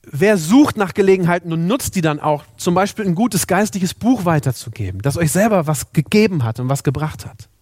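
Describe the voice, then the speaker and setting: A man's voice: high-pitched, animated, brisk, darkish tone, no echo, clean studio sound. A man preaching a sermon, earnest, asking the congregation rhetorical questions.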